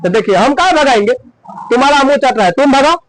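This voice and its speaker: A man's voice: very high-pitched, animated, quick pace, no echo, low-quality recording. A man telling and explaining a textbook story, asking and answering his own questions again and again.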